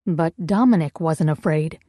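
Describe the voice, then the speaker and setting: A woman narrating an audiobook in a measured, even storytelling manner. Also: low voice, no echo, clean studio sound. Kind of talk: scripted narration.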